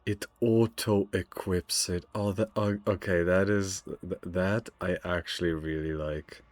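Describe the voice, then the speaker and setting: A man's voice: sits low, fairly even intonation, measured pace. A man giving casual let's play commentary on a video game, stammering and repeating himself as he thinks aloud. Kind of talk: casual playthrough commentary with text read aloud.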